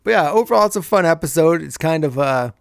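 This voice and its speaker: A man's voice: a little high, lively intonation, quick pace, gravelly, smooth, dry recording, studio quality. Chuckling man recapping on a podcast. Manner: chuckles often while recapping. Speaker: podcast co-host. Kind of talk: casual episode recap.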